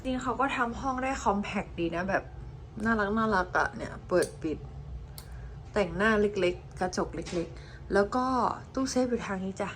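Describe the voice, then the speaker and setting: Filming her trip on a noisy handheld, a young travel vlogger talks directly to her viewers in a casual, chirpy way, from hotel room to streets and stations. Her voice is medium in pitch, a bit bright, and moves at a normal pace.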